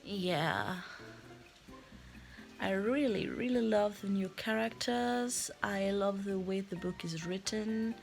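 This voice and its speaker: A young woman, talking slowly and casually as she thinks aloud for her reading vlog. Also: medium pitch, gravelly, soft background music. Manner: slow, unhurried, thinking aloud. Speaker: book vlogger. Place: in her bed at home.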